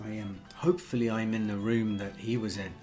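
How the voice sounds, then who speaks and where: Casting: male tabletop player, slightly low voice, courteous and measured, faint music behind. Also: level tone, mellow. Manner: formal, measured, polite phrasing. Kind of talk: in-character tabletop role-play discussion.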